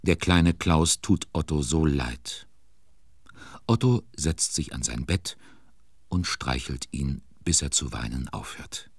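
A man narrates a children's audio story in a playful, amused tone. His voice is extremely deep and gravelly, slow and husky, recorded close and dry. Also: animated, dry recording.

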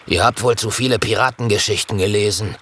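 A man's voice: fairly low pitch, fairly quick, noisy background, close to an everyday voice. A man doing a lazy grumbling pirate. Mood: mocking. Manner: grumbling, mocking. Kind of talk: storybook reading.

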